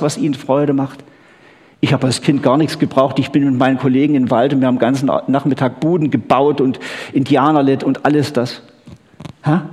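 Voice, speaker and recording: A man's voice: on the high side, a little mellow. A man preaching a chatty sermon, often checking in with the crowd with "gell?" and "ha?". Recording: long hall reverb.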